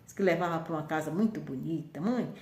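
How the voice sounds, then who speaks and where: A woman's voice: sits low, quick pace, darkish tone. A woman casually telling a folk tale in a rambling, conversational way. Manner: rambling, conversational with frequent restarts. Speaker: storyteller. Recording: roomy echo.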